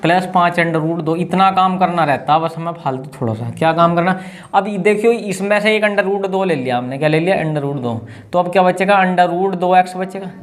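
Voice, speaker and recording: A high-voiced man teaches a math class with a tinge. He works through each step aloud and keeps asking his students questions. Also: moderate pace. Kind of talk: classroom lesson.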